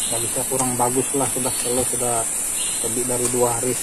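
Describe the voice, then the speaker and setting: Pria Malaysia bersuara datar, alam terbuka. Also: male voice, mid-range voice. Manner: relaxed explaining, steady even delivery. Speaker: vlogger. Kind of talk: casual outdoor vlog. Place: hillside durian orchard, outdoors. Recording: outdoor recording with clear background noise.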